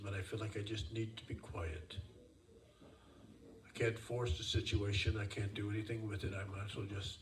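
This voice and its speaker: Low-voiced male seance medium in a roomy space. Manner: addresses listeners as dear and sir, repeats phrases. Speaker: spirit medium. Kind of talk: live seance medium readings to an audience. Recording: roomy, distant mic, faint noise.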